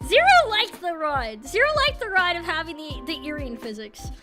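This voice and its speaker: A woman streamer chatting casually with viewers in a cute, playful anime-streamer manner, jumping between excited squeals, loud shouts and quieter muttering. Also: sits high, normal speed, over music. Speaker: streamer and host of a live stream.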